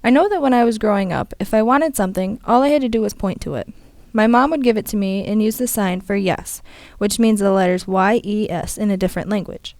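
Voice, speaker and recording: A young woman, a student interpreter, voicing a first-person story in a steady, measured way. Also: medium pitch, no room sound, clean studio sound. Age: young adult.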